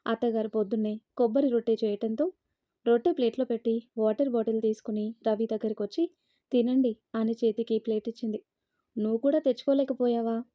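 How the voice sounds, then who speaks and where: A woman narrating a family story in a steady, even manner. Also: on the high side, quick pace, no room sound.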